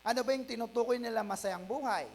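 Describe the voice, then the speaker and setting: A woman pastor giving a Bible teaching sermon, asking her listeners questions and reading verses slowly. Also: a little high, darkish tone. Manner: mixes Tagalog and English, asks listeners questions; repeats points, reads Bible verses slowly.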